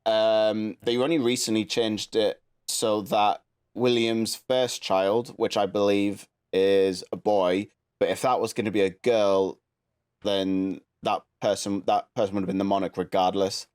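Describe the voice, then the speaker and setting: Laid-back man, low voice. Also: level tone, unhurried, a little mellow, clear, resonant tone. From United Kingdom. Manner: laid-back, rambling, swears casually. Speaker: guest. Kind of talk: casual chat.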